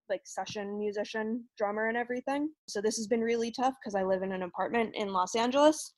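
A woman who works as a session drummer, speaking softly and earnestly on a video call from her apartment, getting a little emotional. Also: medium pitch, no echo, poor audio. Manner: soft-spoken, earnest, gets emotional. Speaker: session drummer at a virtual meetup. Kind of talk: casual sharing at an online group call.

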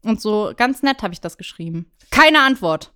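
A woman's voice: medium pitch, animated, normal speed, pushed and bright. A young woman in her twenties co-hosting a casual chat podcast, telling rambling stories and laughing often. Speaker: podcast co-host.

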